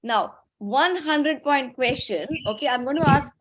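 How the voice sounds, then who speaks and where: A woman's voice: high voice, unhurried, fairly bright tone, a little hiss or hum. A woman with an Indian accent teaching children on a video call, patient and encouraging as she instructs and prompts them. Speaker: teacher leading an online religious class for children.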